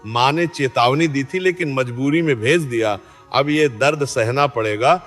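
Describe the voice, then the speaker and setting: A man voicing a meek young wife who pleads gently, in a story read aloud. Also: mid-range voice, a little slow, natural voice. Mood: pleading. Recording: long reverb, faint music behind.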